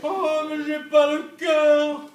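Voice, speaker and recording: An actor playing a meek, tired, gentle husband in a live stage comedy, with mild, shocked interjections. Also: male voice, very high voice, little pitch movement, takes it slowly. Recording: echoey stage recorded from far off.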